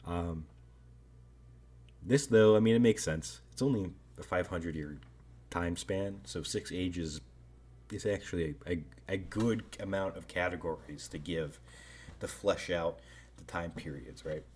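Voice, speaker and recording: A man's voice: sits low, unhurried, darkish tone, a little hiss or hum. A man giving casual, rambling video commentary on a strategy game, hedging often and tagging thoughts with "right?".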